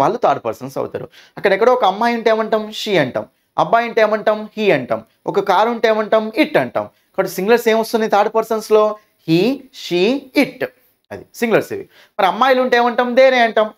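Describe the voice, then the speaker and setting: A man with a Telugu accent teaching an English grammar lesson, asking questions and answering them himself. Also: high-pitched. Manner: asks questions and answers them himself, calls students "nanna".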